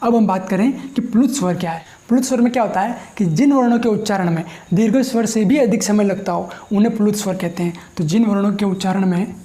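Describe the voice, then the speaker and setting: A male teacher giving a grammar lesson, who dictates slowly while writing, repeats phrases and asks questions that he answers himself. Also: high-pitched, warm tone.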